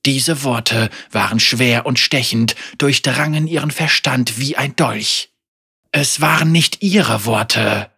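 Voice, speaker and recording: A male audiobook narrator reading a grim fantasy tale at an unhurried, deliberate pace. His voice is bright and forward, with a husky grain running through it. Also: medium pitch. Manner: slow, measured and dramatic. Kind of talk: scripted story narration.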